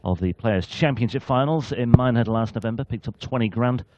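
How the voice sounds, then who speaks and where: A man's voice: mid-range voice, a little fast, dull audio, heavy background noise. A man giving analytical sports commentary as a darts co-commentator.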